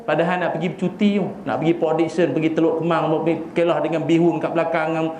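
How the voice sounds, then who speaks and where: A man with a Malaysian accent giving a humorous sermon, animated and joking as he acts out little scenes. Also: a little high, fast talker, a little hiss or hum. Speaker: preacher. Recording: echoey hall with faint ambience.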